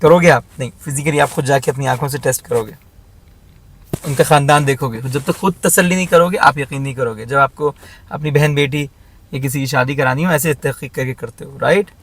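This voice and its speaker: A man's voice: mid-range voice, a little fast. A man hosting his own channel, delivering an emphatic, blunt commentary that scolds his critics. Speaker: channel host. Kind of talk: opinionated commentary vlog.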